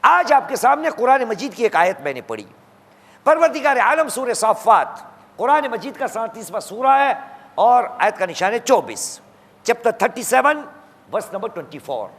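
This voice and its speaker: A man preaching with a very high, gravelly voice that swings lively up and down. He drives home his sermon with rhetorical questions and repeated refrains, and recites verses in Arabic. The sound carries a long reverb from a large hall. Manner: recites Quranic verses in Arabic between plain exhortation.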